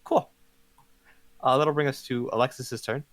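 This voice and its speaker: A game master casually narrating and making rulings in a tabletop game, often pausing to think aloud. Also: medium pitch, fairly even intonation, no room sound.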